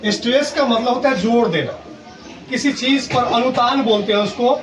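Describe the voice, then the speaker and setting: Speaking at normal speed in an extremely high pitch, a male teacher leads a grammar lesson in a school classroom. His explanation moves step by step; he asks questions, supplies the answers, and spells words letter by letter. The recording is made from a distance with clear background noise.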